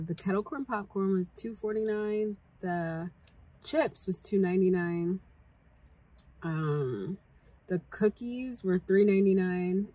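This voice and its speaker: A woman's voice: on the low side, darkish tone, low-quality recording. Chatty young woman eating on camera. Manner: chatty, talks while eating. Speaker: vlogger. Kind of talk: casual food taste-test chat. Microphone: camera mic.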